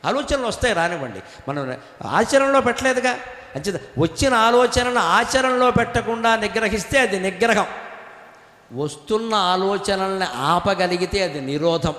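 A man giving a spiritual discourse, animated and teasing, sometimes chanting verses. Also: high voice. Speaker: spiritual lecturer. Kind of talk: Telugu religious discourse. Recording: echoey hall.

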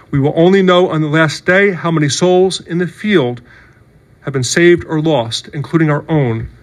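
A male priest giving a sermon in an earnest, conversational way, often checking in with "right?" and "okay". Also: on the high side. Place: church.

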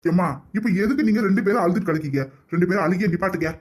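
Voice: medium pitch, very fast, darkish tone, natural voice. A performer voicing an injured, baffled grown son in a cartoon comedy, complaining in a Kanyakumari Tamil accent. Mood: exasperated. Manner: exasperated, complaining.

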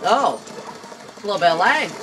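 A man giving casual, excitable play-by-play as he plays a video game, rambling and laughing often. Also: high-pitched, moderate pace, noisy background. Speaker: gaming channel host. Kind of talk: casual gameplay commentary. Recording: game music playing under the voice. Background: video game music.

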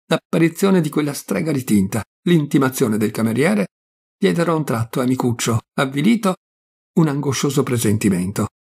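An Italian man reading a literary short story aloud in a measured, expressive way, with a husky, gravelly voice. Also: medium pitch. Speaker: audiobook reader.

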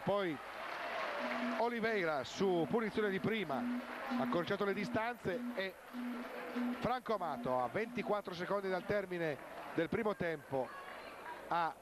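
Male sports commentator over heavy noise. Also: high-pitched. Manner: excited, drawing out words at goals, calmer during play. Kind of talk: live goal commentary on an Italian roller hockey match. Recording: very noisy sports hall TV broadcast.

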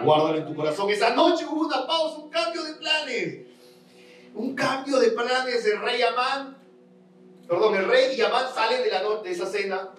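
A man with a high voice preaching in a large church, heard from some distance with plenty of room echo and faint ambience. He tells the story dramatically, repeating phrases for emphasis and firing rhetorical questions at the congregation. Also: slight background noise. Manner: storytelling, acts out voices of the king and Haman. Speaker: pastor. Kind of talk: sermon. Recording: roomy church sound from a distance.

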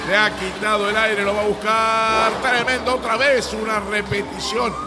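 A man with an Argentine accent giving excited, emphatic play-by-play wrestling commentary, repeating words for effect. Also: high voice, normal speed, music in the background. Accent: Argentine Spanish.

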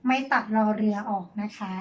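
A woman teacher leading a reading lesson for young children, spelling words out and praising her pupils gently. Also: brisk, muffled recording.

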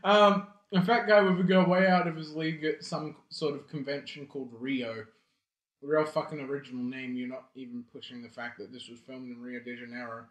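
A man's voice: mid-range voice, level tone, fairly quick, roomy sound, poor audio. A young man casually riffing on a bad movie, swearing freely and talking while snacking, with lots of "like" and "um".

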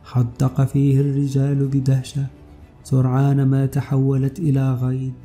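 A man narrating an adventure novel in scripted audiobook style, with steady storytelling delivery. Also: mid-range voice, normal speed, faint music behind.

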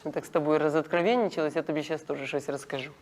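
Sketch comedy: a man doing a high, shrill, gossipy cleaning lady, echoey room. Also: steady tone, racing, darkish tone, natural voice. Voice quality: shrill put-on female voice, surzhyk speech. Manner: chatty, giggly, exaggerated. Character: gossiping middle-aged woman, parliament cleaner. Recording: echoey room with faint noise.

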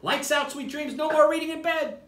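A man's voice: extremely high pitch, normal speed, a bit bright, pitched above the performer's own voice. A man voicing a weary, exasperated mother monkey in a storybook, scolding sternly in an emphatic singsong. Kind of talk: storybook character voice. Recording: roomy echo, distant mic.

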